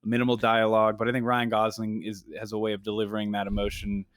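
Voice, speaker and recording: A man co-hosting a film podcast, chatting in an easygoing, halting way. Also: lowish voice, completely flat delivery, no room sound, studio quality. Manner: easygoing, laughs often, halting. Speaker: podcast co-host. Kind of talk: casual film podcast chat.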